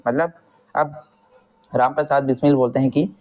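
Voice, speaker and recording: A man's voice: medium pitch, fairly even intonation, normal speed, darkish tone. A male teacher explaining a textbook lesson, retelling each quoted line in plain everyday words. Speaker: Hindi teacher. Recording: dull lo-fi recording.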